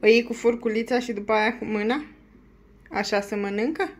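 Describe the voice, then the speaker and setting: A woman filming a casual home vlog, talking to her toddler in coaxing, doting baby talk and signing off softly. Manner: soft, low-key sign-off. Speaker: family vlogger.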